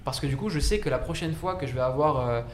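A man chats very fast as the guest of a casual podcast, piling up restarts and asides. His voice sits a little high. The room is echoey with faint noise behind. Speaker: guest, company founder.

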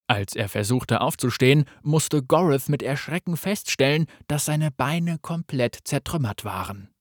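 A man narrating a dark fantasy story in a measured, dramatic reading. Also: mid-range voice, no echo, studio quality.

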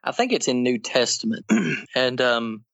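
A man being interviewed on a podcast as a guest theologian, explaining in an earnest way and growing animated when he argues. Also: mid-range voice, a little slow, no echo, dull audio. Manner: earnest, animated when critiquing, frequent restarts.

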